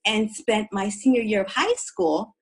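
A woman's voice: mid-range voice, very animated, a little slow, poor audio. Reflective woman, interview guest. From US East Coast. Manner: reflective, repeats words while searching. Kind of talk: conversational interview storytelling.

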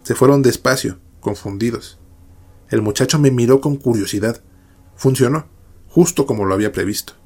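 A man narrating a first-person horror story in a measured, dramatic way. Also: medium pitch, darkish tone.

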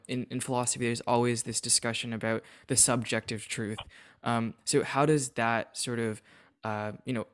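A man hosts a podcast interview in a conversational way. His voice sits at a medium pitch and sounds very smooth and clean. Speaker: podcast host.

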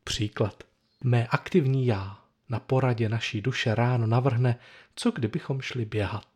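A man with a husky, slightly breathy voice delivers a sermon. He speaks in a reflective, measured way, letting pauses sit between short phrases. His pitch sits in a middle range for a man. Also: steady tone, a little mellow. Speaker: preacher.

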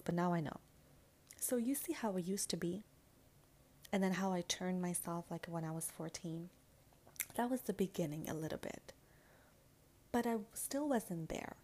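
A woman's voice: mid-range voice, darkish tone. A young woman vlogger telling a personal story to her viewers in a sassy, casual way, full of slang, swearing and filler words.

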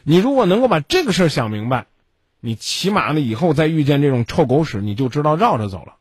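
A man's voice: fairly high pitch, very animated, fast, breathy edge, no echo. A man hosting a call-in advice show, blunt and scolding, who keeps cutting his caller off. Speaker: radio advice host.

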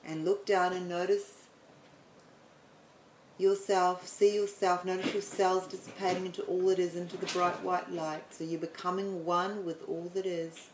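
A woman explaining the planets in a chatty way, then leading a guided meditation with slow, soothing instructions and some stumbles. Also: lowish voice, flat delivery, echoey room, a little hiss or hum, poor audio. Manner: chatty, apologetic, stumbles over words.

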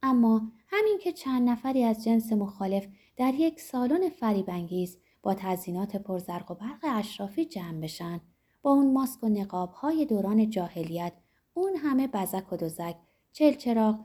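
A woman's voice: mid-range voice, dark tone, husky. A woman reading the lines of a stern male village priest in an audiobook, speaking in a preachy, disapproving way.

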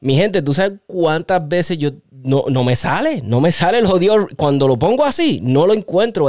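A man with a Puerto Rican accent hosting a casual chat, rambling through animated stories full of slang. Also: on the high side, no room sound, studio quality. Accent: Puerto Rican Spanish.

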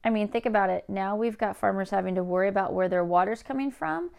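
A woman's voice: mid-range voice, fast, vocal fry, darkish tone. A woman from California hosting a podcast, talking in a casual monologue full of swearing, jokes and side-tracks. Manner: profane, joking, self-interrupting asides. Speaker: podcast host.

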